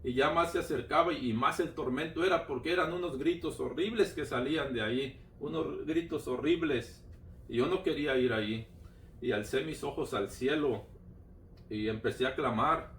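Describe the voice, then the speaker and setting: A man's voice: fairly high pitch, moderate pace, fairly bright tone, a little hiss or hum. A man giving a personal religious testimony, retelling it fervently with lots of repetition. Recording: roomy sound from a distant mic.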